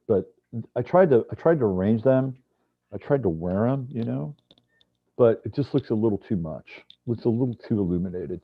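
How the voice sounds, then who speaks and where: A man hosting a casual live stream, his voice muffled as if heard through a wall. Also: on the low side. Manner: chatty, reads out viewer comments. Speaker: livestream host. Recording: dull, muffled lo-fi sound.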